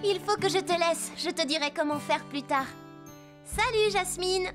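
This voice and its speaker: A phone-obsessed teenage girl in a cartoon chatters eagerly and reassures her friend on the line. The voice sits very high. A music bed plays clearly behind her. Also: normal speed. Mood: helpful. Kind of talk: French cartoon dub.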